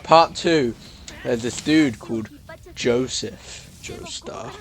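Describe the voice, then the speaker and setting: A man's voice: medium pitch, slow pace. A man co-hosting a casual podcast, recapping a story in a rambling way with lots of fillers and restarts. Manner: rambling, full of fillers and restarts, slips into silly quoted voices. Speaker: podcast co-host.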